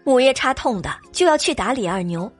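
A woman's voice: fairly high pitch, lively intonation, brisk, husky, faint music behind. A woman narrating an audio drama expressively.

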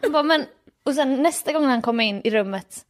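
High-voiced woman telling stories animatedly. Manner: animated storytelling, acts out little dialogues with laughs. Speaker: podcast co-host. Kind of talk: casual chat.

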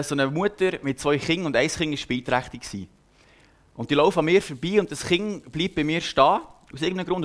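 Earnest young Swiss preacher. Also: male voice, a little high. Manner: earnest, conversational storytelling with frequent hesitations. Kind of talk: personal sermon.

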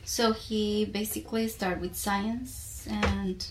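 Heavy noise surrounds this medium-pitched, steady voice of a Colombian poet and teacher appearing as a podcast guest. A native Spanish speaker with a Colombian accent, she talks reflectively and casually, pausing to find words in her second language.

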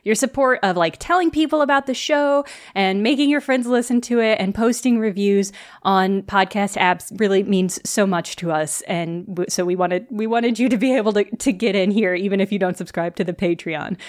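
A woman's voice: medium pitch, moderate pace, few pauses. A woman podcast host giving listeners a casual announcement and credits. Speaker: podcast host, player and producer.

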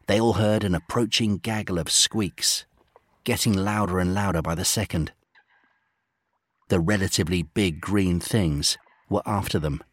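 A man narrates a storybook adventure in a low, husky voice. His reading is steady and gently dramatic. The recording is close and dry. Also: dry recording.

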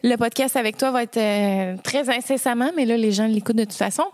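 A woman's voice: fairly high pitch, a little fast, darkish tone, dry recording. A young woman with a Québécois accent hosting a podcast in casual, slangy chat with some English words mixed in. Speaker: podcast host.

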